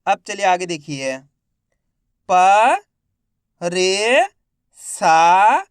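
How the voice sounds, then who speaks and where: Guy teaching kids to read, super slow, says each syllable then the whole word, smooth clear voice, dry sound. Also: sits high, sing-song, no room sound. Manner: addresses viewers as friends, encouraging. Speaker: Hindi reading teacher. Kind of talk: slow syllable-by-syllable reading lesson.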